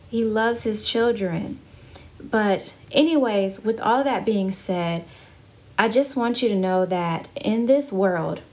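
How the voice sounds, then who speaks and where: A woman's voice: mid-range voice, a little mellow. A woman hosting a casual devotional podcast, talking earnestly with many fillers and restarts. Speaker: podcast host.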